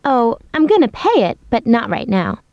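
A young roommate in a language-course dialogue, voiced by a woman, clear and expressive. Her voice is fairly high and her pitch moves a lot. The recording is dry and a little muffled. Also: measured pace, dry recording. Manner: expressive, clear scripted delivery. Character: young woman roommate explaining unpaid bills.

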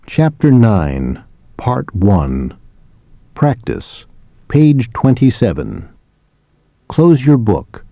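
A man giving scripted instructions as the narrator of a language course, reading each one in a slow, measured way. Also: medium pitch, huge pitch swings, mellow, dry recording, dull audio.

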